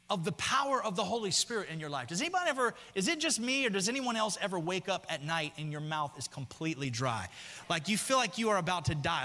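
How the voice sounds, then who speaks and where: The speaker is a pastor giving a sermon, his voice echoing with long reverb through the sanctuary. He moves between casual conversation with the congregation and slow, careful scripture reading, getting higher and louder as he grows fired up.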